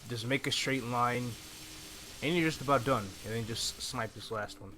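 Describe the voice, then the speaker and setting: This gaming YouTuber, a man in his twenties, talks through a video game in a laid-back, explanatory way, yet his bright, mid-range voice carries a forceful tone at normal speed. He's near a desktop microphone on a stand, with game music playing and a little hiss or hum.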